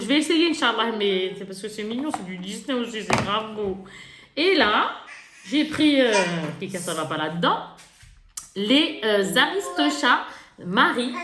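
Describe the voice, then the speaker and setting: A chatty woman vlogger talks through a makeup haul, laughing and teasing herself as she goes. Her pitch swings up and down a lot. She sounds a bit roomy and echoey, with a faint hiss behind her. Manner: chatty, laughing, lively, self-mocking. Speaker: beauty vlogger. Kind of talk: casual haul vlog. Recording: echoey room with faint noise.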